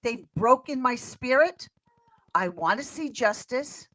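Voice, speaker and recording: An American woman giving animated political chat as a podcast guest, fiery and sarcastic, mocking others in squealing voices. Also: on the high side, slow pace, rough recording. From United States. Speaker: podcast guest, social media commentator.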